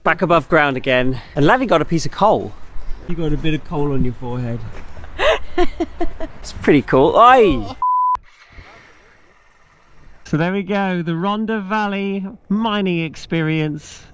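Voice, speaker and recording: Man, travel vlogger, chatty and upbeat, slightly high voice, faint music behind. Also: normal speed. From Britain. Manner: chatty, upbeat, addresses viewers as guys. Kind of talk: casual vlog narration to camera. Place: outdoors and in a cafe, on the road in rainy weather.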